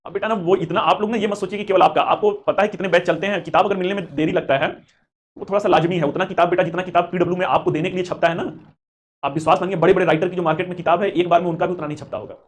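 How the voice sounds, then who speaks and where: A man's voice: high voice, fairly even intonation, rapid-fire. A man teaching history to exam students in a live class. He is chatty and encouraging, calls students beta and mixes in English terms. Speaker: history teacher for civil service exam coaching. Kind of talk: live online class with chat questions.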